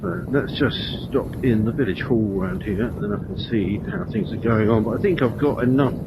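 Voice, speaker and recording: A fairly low, lively voice speaks fairly quickly as this motovlogger rambles and thinks aloud while riding country roads. Heard through a helmet intercom microphone, he sounds muffled and boxed in, with loud wind and engine noise all around.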